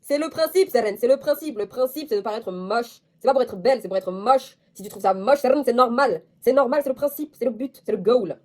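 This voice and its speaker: A woman's voice: fairly high pitch, animated, brisk, hardly any pauses, darkish tone. A young woman in casual chat to camera as a vlogger, playful and self-mocking, with slang. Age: young adult.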